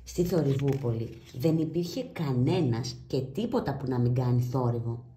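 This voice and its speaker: A woman reading a children's storybook aloud in an animated, expressive way. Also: extremely low pitch. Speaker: storybook reader. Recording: roomy echo.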